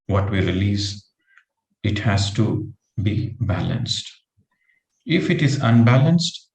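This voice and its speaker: A man's voice: medium pitch, darkish tone, reverberant, poor audio. A man giving a spiritual meditation teaching talk, patiently explaining with everyday examples.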